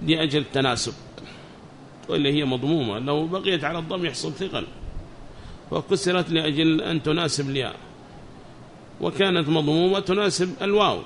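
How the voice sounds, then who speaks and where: A man's voice: a little high, slight background noise. A man teaching a lesson on classical Arabic grammar. He reads a text aloud, explains it, and asks his students questions as he goes.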